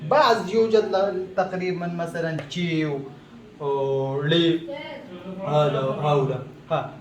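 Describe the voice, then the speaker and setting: Man, native Pashto speaker, high voice, slow repeated letter sounds, halting phrasing, roomy echo. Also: fairly even intonation, crowd noise. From Afghanistan. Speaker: language teacher. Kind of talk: informal language lesson. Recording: echoey room.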